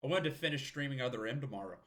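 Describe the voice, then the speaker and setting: A man's voice: medium pitch, expressive, very fast, a bit bright. A man with a scratchy throat casually commenting, swearing and joking, while live-streaming a video game. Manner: casual, profane, jokey.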